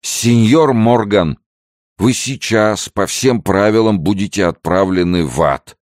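A man's voice: on the low side, a little slow, no room sound, studio quality, voice pushed up, natural voice. A man voicing a drunken, sentimental prison chief who talks in a maudlin, tearful, slurred way. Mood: drunk indignant. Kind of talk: audiobook character voice.

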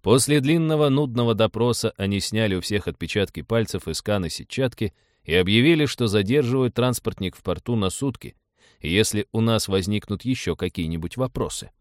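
Мужчина-чтец, размеренно читающий фантастическую прозу вслух. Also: male voice, on the low side, lively intonation, dry recording, clean studio sound. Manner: measured storytelling. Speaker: audiobook narrator. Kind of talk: scripted narration.

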